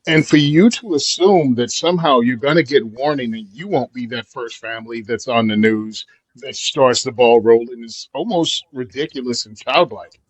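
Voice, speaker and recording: Man, podcast co-host, middle pitch, dry close sound, blunt and emphatic. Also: moderate pace, husky, dry recording, low-quality recording. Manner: emphatic, blunt, thinking aloud. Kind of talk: casual podcast chat.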